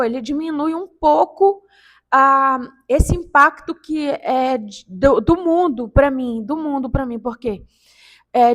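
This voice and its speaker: A woman in her fifties talks straight to her viewers in an excitable, storytelling rush. Her voice sits high, and she punctuates the tale with sharp little exclamations. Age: 50s. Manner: animated and excitable, with sound-effect interjections. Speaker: vlogger telling a paranormal story. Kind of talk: casual storytelling to camera.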